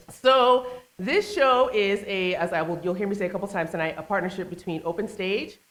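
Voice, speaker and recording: A woman's voice: medium pitch, lively intonation, moderate pace. A woman hosting a live talk show on a small stage, chatting playfully and teasing the audience. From United States, family from Trinidad and Tobago.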